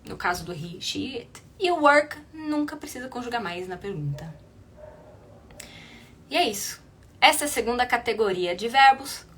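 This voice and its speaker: A woman's voice: mid-range voice, a bit bright, slight background noise. A Brazilian woman teaching an English lesson, explaining patiently and checking in with her students often. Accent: Brazilian Portuguese. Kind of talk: online language lesson.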